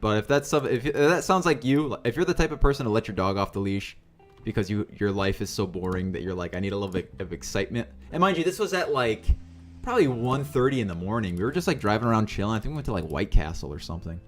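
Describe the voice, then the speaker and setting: Speaking at a quick pace with lively intonation, a man chats while streaming a building game. His stories ramble loosely, he keeps correcting himself mid-sentence, and he sometimes swings up into high mimicry.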